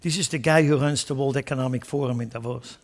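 A man from Switzerland preaching a sermon, emphatic and joking, dropping from loud stressed lines to quiet asides. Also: medium pitch, fairly even intonation, fast talker. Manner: joking, chuckles at his own remarks.

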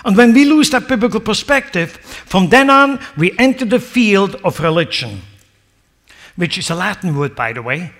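A male pastor delivers a sermon with a high-pitched, swooping voice. He preaches emphatically and keeps turning to the congregation with rhetorical questions. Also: expressive, moderate pace. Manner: emphatic preaching, rising to near-shouts and dropping low.

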